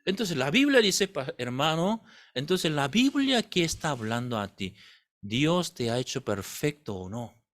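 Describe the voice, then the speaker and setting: Male pastor, sermon, animated storytelling, high voice, lively swings in pitch. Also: a little slow. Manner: animated storytelling, quizzing the congregation.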